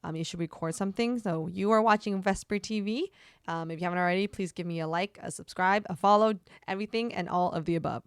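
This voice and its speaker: A woman's voice: on the low side, quick pace, clear, resonant tone, no room sound. Young woman, streamer, casual gear review, chatty, fillers, dry close desk mic. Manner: chatty, filler-heavy, upbeat. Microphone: desk microphone.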